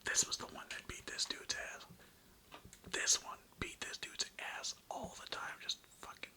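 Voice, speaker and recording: Whispering in a breathy, unvoiced way, an ASMR creator rambles informally through a casual show-and-tell. There's some swearing, and the pace is unhurried.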